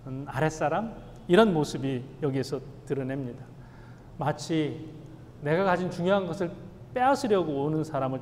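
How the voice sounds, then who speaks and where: Emphatic high-voiced male pastor. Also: in a large hall, a little hiss or hum. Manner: emphatic, swings from loud stresses to hushed asides. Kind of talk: sermon. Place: church sanctuary.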